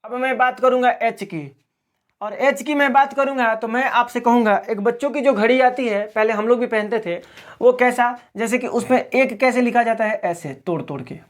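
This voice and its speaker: This very high-pitched teacher from Bihar, India, moves at a moderate pace through a classroom-style video lesson, asking questions in a drill and answering each one on his own.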